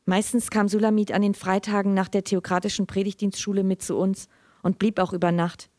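A middle-aged woman giving a measured literary reading, then answering questions in a loose, chatty way. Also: medium pitch, flat delivery, darkish tone, no room sound, clean studio sound.

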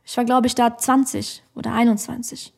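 A woman's voice: on the high side, flat delivery, a little fast, gravelly. A woman comedian telling a personal story on a podcast in a studio, blunt and outspoken.

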